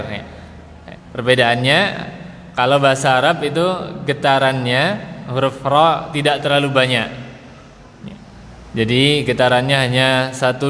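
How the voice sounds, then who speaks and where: Patient teacher in a reverberant mosque hall. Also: male voice, medium pitch, fairly bright tone. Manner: patient, slow demonstrations of letter sounds, adds "ya" after nearly every phrase. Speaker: Quran recitation teacher. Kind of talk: Quran pronunciation lesson. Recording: long hall reverb, faint background noise.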